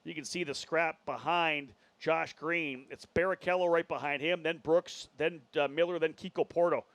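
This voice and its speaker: Higher-voiced male motorsport commentator calling a race. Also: steady tone, moderate pace, fairly bright tone, dry recording. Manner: running play-by-play, listing drivers and positions. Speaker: motorsport commentator, lead play-by-play.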